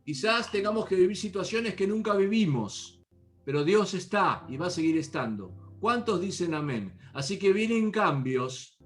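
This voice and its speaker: A man's voice: high-pitched, lively intonation, normal speed, faint music behind. A man in his sixties with an Argentine accent, preaching a sermon as pastor and exhorting his church with fervent, repeated phrases. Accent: Argentine Spanish.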